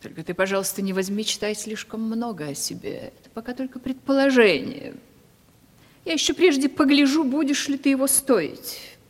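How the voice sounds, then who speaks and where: This actress, heard on an echoey 1970s Russian radio recording, plays a vain and bossy provincial lady past her prime. She speaks at a normal speed with a fairly high pitch, acting lightly yet staying stern, condescending and imperiously theatrical.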